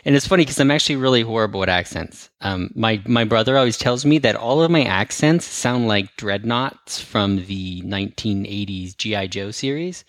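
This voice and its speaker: Man from texas, low voice, dry close sound, eager explainer, casual podcast guest. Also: normal speed, hardly any pauses, no room sound. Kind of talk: casual tech podcast chat.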